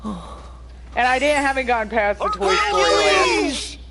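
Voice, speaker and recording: A woman's voice: on the high side, lively intonation, slow, heavy background noise. A woman chatting casually while playing a video game, joking and swearing freely. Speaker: video game let's player. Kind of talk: casual gameplay chat. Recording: loud game music behind voice. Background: video game music.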